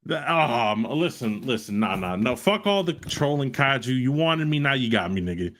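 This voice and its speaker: A man hosting a stream, loudly mocking and trash-talking another caller, repeating his insults. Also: medium pitch, sing-song, moderate pace. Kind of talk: heated trash talk on a live stream.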